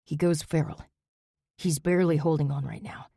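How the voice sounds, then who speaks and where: A woman voicing a pained young man in an audiobook, speaking in a quiet, grave way. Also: deep voice, steady tone, normal speed, gravelly, slightly rough, dry recording, studio quality, full character voice.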